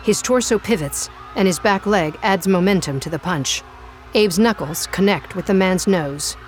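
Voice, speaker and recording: A woman giving measured, suspenseful scripted narration for an audio drama. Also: medium pitch.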